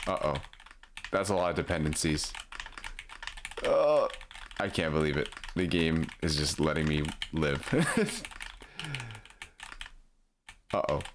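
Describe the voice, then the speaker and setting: A man's voice: extremely low pitch, very animated, moderate pace, noisy background. A young man streaming a game, chatting casually and mocking himself with frequent laughs. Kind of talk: casual live gameplay commentary.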